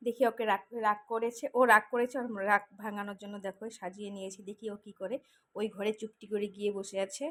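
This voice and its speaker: A woman's voice: mid-range voice, flat delivery, fast, fairly bright tone, poor audio. A woman talking through a casual home vlog, coaxing and fussing over a sulking child in a cooing, doting way. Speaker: vlogger.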